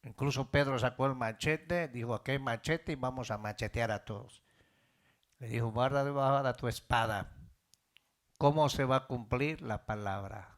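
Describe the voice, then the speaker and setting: A middle-aged pastor delivers a sermon in a mid-range voice at a moderate pace. His fervor builds as he calls out questions to the congregation.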